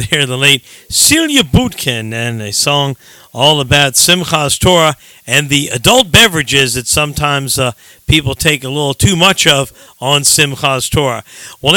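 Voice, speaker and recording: Radio host guy, really bright sharp voice, dry close sound, easygoing. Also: on the high side, smooth, no echo. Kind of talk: casual radio presenting.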